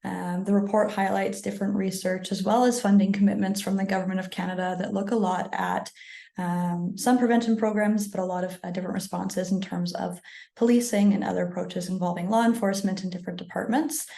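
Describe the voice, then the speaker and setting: A woman's voice: medium pitch, fairly even intonation, a little fast, gravelly, dark tone, reverberant. A woman panelist presenting recommendations in an earnest way with frequent ums, while losing her voice.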